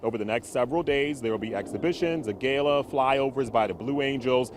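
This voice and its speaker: Male field reporter, live outdoor news hit, mid-pitched, light street hum behind. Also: a little fast. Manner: conversational with filler "uh"s. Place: outdoors by a river.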